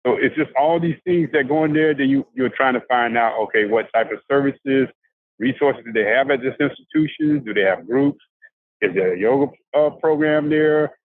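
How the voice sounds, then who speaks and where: On a video call recorded through a handheld phone, the sound is dry, tinny and free of echo. An older man from South Carolina, USA who was once incarcerated talks in a mid-range voice. He speaks casually and haltingly about life after prison, restarting many times in the interview.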